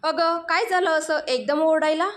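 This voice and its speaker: Middle-aged mother, read by a female narrator, fussy, gently scolding, caring, storybook, high voice. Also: measured pace. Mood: puzzled.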